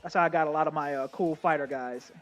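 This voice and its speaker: A young man giving casual, excitable live commentary while playing a game, talking straight to his chat. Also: a little high, fast. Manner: chatty, excitable, addresses chat as y'all. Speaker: game streamer.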